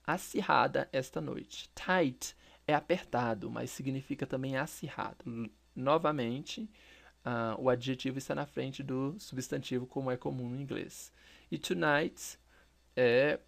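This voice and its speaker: A man teaching an English lesson, slow and deliberate, repeating example phrases so learners can follow. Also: medium pitch, vocal fry. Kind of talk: recorded language lesson.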